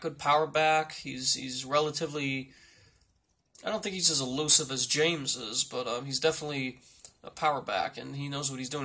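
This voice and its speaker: A man playing a blunt football coach at a mock press conference, rambling and repeating himself in halting answers. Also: mid-range voice, creaky, pushed and bright, slightly rough, exaggerated voice.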